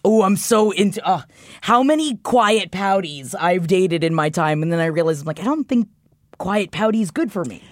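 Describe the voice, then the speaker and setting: A woman's voice: on the low side, expressive, normal speed, no room sound, clean studio sound. A woman co-hosting a book podcast, riffing in a playful, goofy way. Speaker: podcast co-host. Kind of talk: casual podcast banter.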